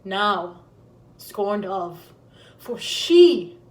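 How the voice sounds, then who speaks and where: A woman playing a bitter, grieving widowed queen in a declamatory Shakespearean stage monologue, with deliberate pauses. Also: medium pitch, sing-song. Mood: scornful, mournful. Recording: echoey untreated room.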